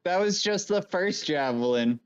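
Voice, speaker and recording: A man's voice: sits high, animated, a little slow, dull audio, slight background noise. A man playing in a tabletop game, talking through his moves in a matter-of-fact, casual way. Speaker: player.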